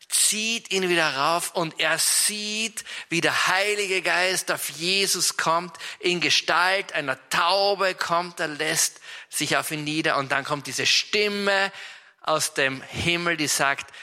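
A man's voice: fairly high pitch, bright, forceful tone. A man with an Austrian accent preaching, retelling a Bible story in a chatty way and speaking straight to the listener. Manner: chatty, addresses listener directly.

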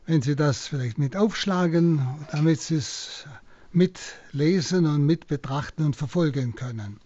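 A man, a priest, slowly and deliberately explaining a Bible passage on a radio broadcast. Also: on the high side, warm tone, muffled recording. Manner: slow, deliberate teaching. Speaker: priest giving a Bible talk.

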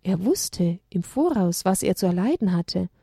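A woman reading a children's story aloud, expressive and dramatic. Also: fairly low pitch, a little slow, gravelly, husky, no echo, studio quality.

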